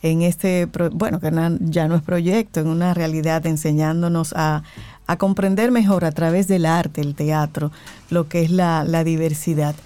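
Female interviewer with a lowish, warm voice, recorded dry and close. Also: flat delivery, normal speed, dry recording. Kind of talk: interview questions.

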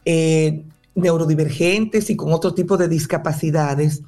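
A woman's voice: low-pitched, steady tone, measured pace, warm tone. A woman theater director and drama teacher answering interview questions in a passionate, explanatory way.

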